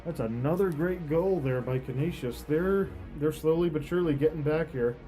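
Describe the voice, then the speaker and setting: Male sports color analyst, conversational, somewhat high-pitched, music behind. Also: moderate pace, warm tone, poor audio. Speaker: color commentator. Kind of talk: live sports color commentary.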